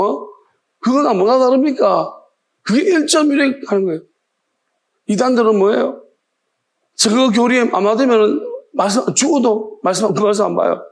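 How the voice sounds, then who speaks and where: A man's voice: high-pitched, gravelly. A male pastor preaching a sermon, firing off challenging rhetorical questions in a scolding tone.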